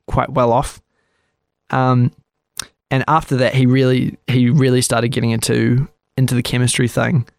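A man hosts a relaxed history chat, talking loosely and with a dry, sarcastic edge as he plays out the people in the story. His voice has a gravelly fry to it. The recording is dry and close, with no room sound. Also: medium pitch, dry recording. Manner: chatty, sarcastic, acts out quotes.

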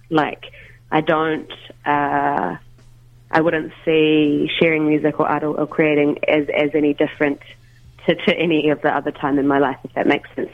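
This is a casual phone interview with a musician guest who is at home making coffee, speaking haltingly with frequent ums and restarts. His pitch is medium, there's no echo, and the line sounds tinny.

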